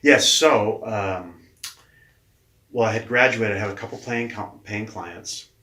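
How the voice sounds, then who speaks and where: A man in his forties with a fairly low voice tells stories from his own life in relaxed conversation, lively and a little salty in his wording. His voice bounces around an echoey room. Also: a little slow. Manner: animated, mildly profane storyteller. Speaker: guest, leadership coach. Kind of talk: casual storytelling in conversation.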